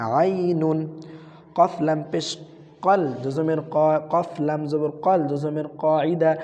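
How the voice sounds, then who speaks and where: A man teaching Quran reading, spelling out letters and repeating each syllable three times in a slow, drilled lesson. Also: on the high side, warm tone, dull audio. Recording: long hall reverb.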